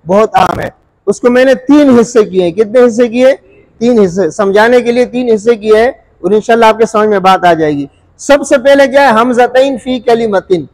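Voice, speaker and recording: Heard through a rough recording, this Urdu tajweed teacher explains Quran recitation rules in an extremely high-pitched voice. He goes over each point repeatedly, asks the listener rhetorical questions, and occasionally draws sounds out slowly to show how they're done.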